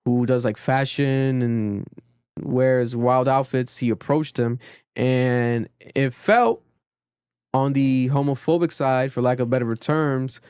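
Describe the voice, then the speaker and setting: A young man hosting a casual podcast, telling stories in an animated way and acting out what other people said. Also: mid-range voice, smooth, no echo, studio quality. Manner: animated storytelling, acts out quotes. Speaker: podcast host.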